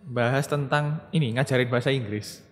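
A young man from Surabaya with a Surabaya Javanese accent, a content creator chatting casually and quickly in an interview. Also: mid-range voice. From Surabaya, East Java. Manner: quick, chatty, laughs at himself. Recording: long hall reverb.

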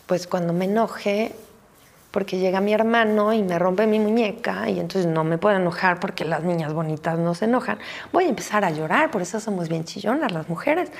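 A Mexican therapist with a Mexican accent gives an informal, conversational talk about emotions, often tacking on "¿no?" as a tag question. Her medium-pitched voice is husky with a darkish tone.

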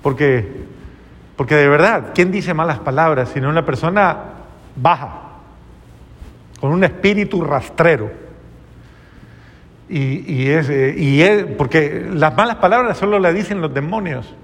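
A man's voice: on the high side, a little slow, long pauses, long reverb tail. A man, a priest, delivering an earnest, moralizing sermon full of rhetorical questions.

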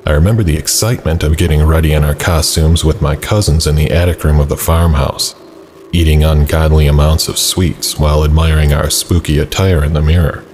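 A man's voice: very deep voice, fairly even intonation, fairly quick, a little mellow, slight background noise. A man narrating a scripted first-person story as a storyteller.

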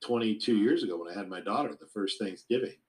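A man's voice: fairly low pitch, fast talker, a little mellow, poor audio. A man hosting a podcast who rambles and asks questions in a casual chat. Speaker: podcast host.

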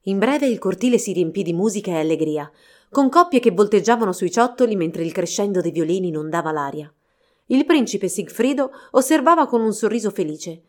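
A woman's voice: mid-range voice, a little fast. Woman narrating a fairy tale. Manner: steady, expressive reading. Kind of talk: storybook narration.

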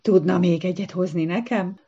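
A woman's voice: lowish voice, warm tone, breathy edge, dull audio. A woman voicing a vain, refined little hummingbird in a storybook reading, talking in a pompous, condescending way. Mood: tipsy.

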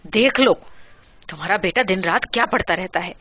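A woman voicing an angry middle-aged mother scolding her son, with a shrill rising voice. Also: fairly bright tone, dull audio, slight background noise, close to an everyday voice. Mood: furious scolding.

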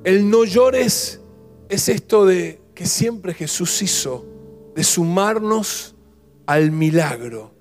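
A male Argentine pastor delivers an impassioned sermon in a high voice. He moves between pressing rhetorical questions and soft, hushed repetitions. Gentle instrumental music plays quietly behind him.

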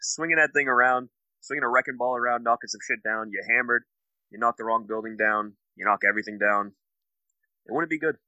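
A man's voice: mid-range voice, a little fast, pushed and bright, dry recording, highs cut off. A man co-hosting a podcast, joking casually with his friends. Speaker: podcast co-host. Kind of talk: casual comedic banter.

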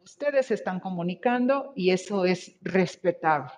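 A woman teaching an online language class, switching between two languages, repeating her students' sentences slowly and encouraging them. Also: fairly low pitch, animated, darkish tone, a little hiss or hum. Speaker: English teacher. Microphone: video call.

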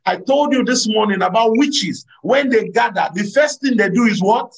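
A man preaching a sermon, animated, laughing and drawing answers from his congregation. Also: high-pitched, moderate pace, husky, rough recording. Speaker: pastor.

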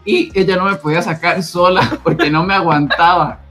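Higher-voiced Costa Rican man. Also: fairly even intonation, moderate pace, sharp tone, soft background music. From Costa Rica. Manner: self-mocking storyteller, laughing while talking. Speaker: podcast co-host. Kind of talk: casual chat.

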